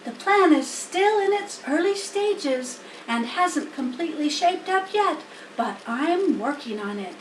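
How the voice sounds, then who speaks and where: A woman voicing a wise, motherly female spider in a storybook, cool and reassuring, gently firm in manner. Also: high-pitched, animated, measured pace, voice pushed up. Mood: cool, light. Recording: roomy, distant mic, faint background noise.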